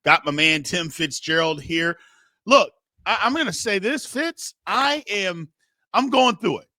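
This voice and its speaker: A man's voice: high voice, animated, measured pace, sharp tone, no room sound, studio quality. A middle-aged man hosting a sports show, giving blunt, emphatic, casual opinions and repeating his phrases for effect.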